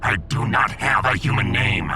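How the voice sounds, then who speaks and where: A man's voice: fairly low pitch, normal speed, lightly acted. A man voicing a pompous, deranged alien fish who rules as emperor, speaking grandly and formally in a sci-fi audiobook. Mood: pompous, imperious. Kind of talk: sci-fi audiobook character acting. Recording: music behind the voice.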